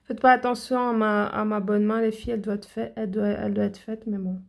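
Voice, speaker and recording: A woman chats eagerly to her viewers, full of "euh" fillers and restarts. Her mid-pitched voice has a gravelly, fry-laden edge. She sounds like a nail educator talking casually through a product haul. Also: level tone, fast. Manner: chatty, enthusiastic, many fillers and restarts.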